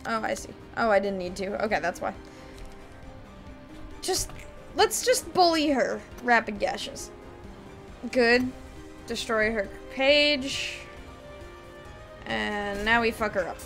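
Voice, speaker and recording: A young woman streams a card game from a gaming desk in a small room, chatting gleefully with viewers, laughing and swearing casually as she gives gameplay commentary. Her voice is a little high, gravelly, pushed and bright, and slightly strained. A desk mic and webcam at the computer pick her up, with game music faintly behind.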